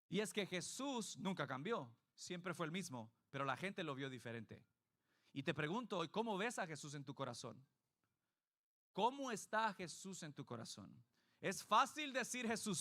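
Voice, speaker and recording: Male pastor, sermon delivery, high bright tone, emphatic, questions the congregation.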